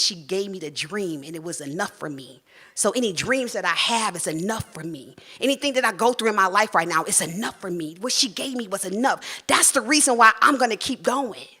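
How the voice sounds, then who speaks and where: Bright, animated woman storyteller in her forties. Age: 40s. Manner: animated, acts out quoted voices with big pitch jumps. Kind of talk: live personal storytelling.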